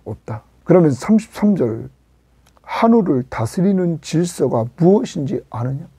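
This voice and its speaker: A man's voice: a little high, animated, normal speed, dark tone, husky, no room sound. A male pastor giving a Korean expository sermon, emphatic, swinging up on questions and sinking to a near whisper at the ends of lines.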